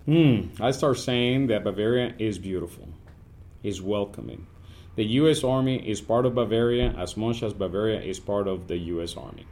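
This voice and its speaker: A man, speaking as an Army command sergeant major guest in an upbeat, animated podcast interview. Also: lowish voice. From Puerto Rico. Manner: upbeat, animated, speeds up and slows down.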